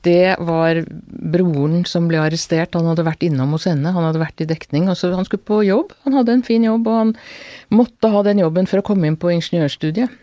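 A woman's voice: lowish voice, dark tone, no room sound, studio quality. Older woman recounting family history. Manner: earnest, halting storytelling with restarts. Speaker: author guest. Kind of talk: reflective interview talk.

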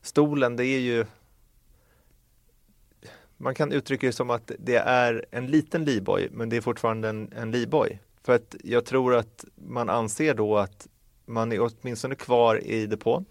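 Swedish male co-host, low gravelly voice, dry sound, hedging chat. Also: steady tone, no room sound. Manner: measured, hedging explanations with fillers. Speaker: podcast co-host. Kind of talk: casual motorsport podcast chat.

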